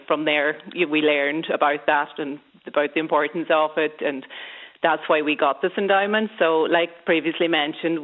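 A woman in her fifties with a Donegal accent from the west of Ireland, recalling things conversationally as an interview guest. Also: deep voice. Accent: Donegal Irish, west of Ireland. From County Donegal, Ireland. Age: 50s. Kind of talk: conversational recollection. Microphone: phone. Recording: thin phone-line sound.

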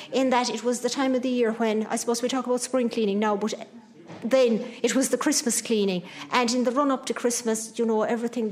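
A middle-aged woman with a Kerry Irish accent, reminiscing conversationally about local traditions. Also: on the high side. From Ireland, County Kerry. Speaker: pub keeper and archaeologist.

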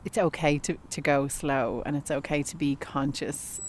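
Deep-voiced woman, outdoors. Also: fairly even intonation, normal speed. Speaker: group walk participant. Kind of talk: casual reflective talk. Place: outdoors in a forest. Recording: faint outdoor ambient noise.

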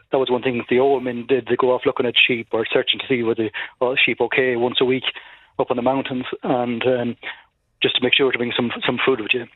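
A man's voice: mid-range voice, dry recording. An Irish man from County Leitrim, middle-aged or older, conversationally recalling local folklore as a radio phone-in guest. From County Leitrim, Ireland. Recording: tinny narrow phone line on radio.

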